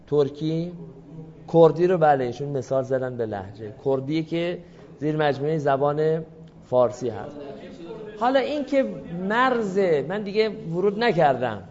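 Measured lecturing man, slightly high voice. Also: a little mellow, dull audio. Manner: measured, explanatory, addresses the audience politely and answers questions. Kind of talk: classroom lecture.

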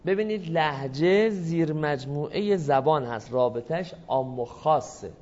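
A man giving a classroom lecture in a measured, explanatory way, politely addressing the audience and answering their questions. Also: fairly high pitch, lively intonation, darkish tone, lo-fi sound.

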